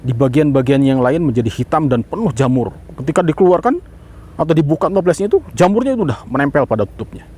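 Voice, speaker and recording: A man, a parent, talking casually to viewers about an experiment he ran at home, lively and rising in pitch as he gets excited, briefly acting out the words he spoke. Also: fast, slightly rough. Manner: acts out quoted voices mid-talk.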